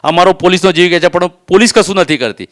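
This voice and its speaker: A man recounts his complaint in a rush of words, pressing every point as he swears he is telling the truth. His voice is clean and crisp, sitting a little high. He speaks quickly and never lets up. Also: fairly bright tone. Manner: insistent, swears oaths, reenacts threats. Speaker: complainant doctor. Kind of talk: emotional testimony.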